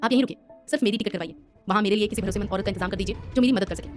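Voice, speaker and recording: A sharp, curt young woman in a story who snaps out demands, as a woman narrator reads her. The lines are delivered very quickly over soft music. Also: medium pitch, lightly acted. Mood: cold. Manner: curt, commanding.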